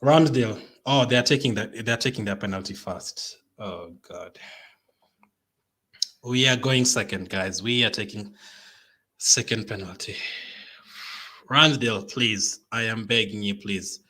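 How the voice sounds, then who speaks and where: A man's voice: lowish voice, measured pace, pauses often, pushed and bright. A man hosting a live football watch-along, anxiously pleading and reacting to a penalty shootout. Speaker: football fan channel host.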